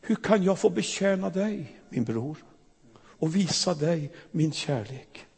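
A man voicing a humble, gentle king who speaks softly and tenderly. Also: a little high, creaky, slightly rough, big-room sound, pitched above the performer's own voice, full character voice. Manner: soft, calm and tender.

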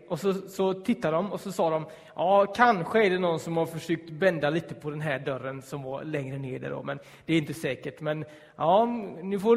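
A man telling a personal story aloud, suspenseful and hushed at the tense moments, acting out the voices he quotes. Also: a little high, gravelly, long reverb tail.

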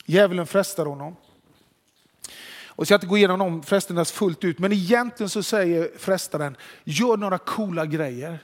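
A man preaching a sermon, telling a joke story with lively delivery and slowing down for emphasis. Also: high-pitched. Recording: long hall reverb.

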